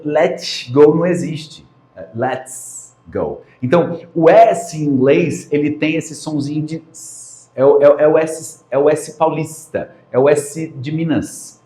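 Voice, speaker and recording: A man from Brazil teaching an English lesson on video, lively and emphatic, often repeating key words. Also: medium pitch. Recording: roomy echo.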